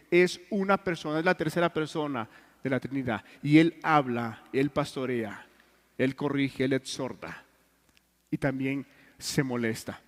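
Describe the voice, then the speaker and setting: A man preaching a sermon in Mexican Spanish, telling stories earnestly and swinging between loud and hushed. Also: on the high side. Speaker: pastor. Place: church hall. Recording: long church reverb.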